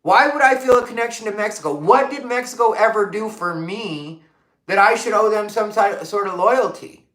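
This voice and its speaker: The recording is low-quality and the room echoey as a woman from Arizona hosts a casual livestream, reading comments and firing off emphatic rhetorical questions full of fillers. She speaks at a moderate pace in a medium-pitched, slightly bright voice.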